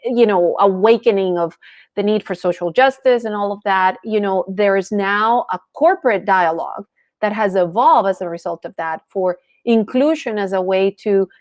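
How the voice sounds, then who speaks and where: A woman's voice: mid-range voice, normal speed, no room sound. A woman from Colombia who learned English as a teenager, speaking as an interview guest in an earnest, articulate, businesslike way. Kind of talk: interview conversation.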